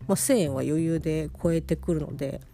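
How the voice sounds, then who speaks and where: A woman's voice: deep voice, fairly quick, warm tone. A woman chatting casually and sleepily in a rambling audio diary, talking while lying down. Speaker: host of a personal audio diary. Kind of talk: casual monologue diary chat. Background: plucked guitar music.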